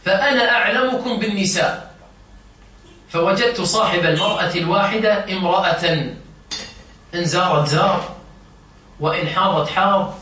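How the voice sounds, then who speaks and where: A high, bright-voiced man leads an informal religious lesson, pausing to quiz his listeners and explain each word. He is heard from a distance in a very echoey room. A faint hiss of noise runs underneath. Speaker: religious teacher. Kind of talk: informal lesson to a seated circle.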